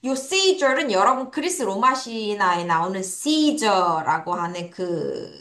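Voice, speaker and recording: A woman teaching English vocabulary to children in an online lesson, asking questions and answering them herself, spelling words letter by letter and drawing out each word slowly for pupils to repeat. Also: mid-range voice, sing-song, a bit bright. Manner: spells words letter by letter, slow drawn-out model pronunciation. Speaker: English teacher at a private academy.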